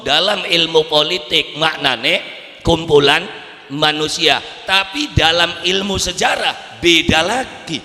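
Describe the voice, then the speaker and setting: A man's voice: on the high side, pushed and bright. A man with an Indramayu Javanese accent preaching a sermon, asking and answering his own rhetorical questions and repeating words for emphasis. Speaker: Islamic preacher. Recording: reverberant hall.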